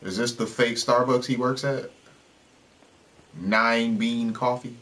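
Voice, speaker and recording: A man's voice: mid-range voice, steady tone, takes it slowly, a bit bright. A man casually commenting on a game he is playing, chatty and wisecracking as he reacts to the screen. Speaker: streamer. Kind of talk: casual let's play commentary.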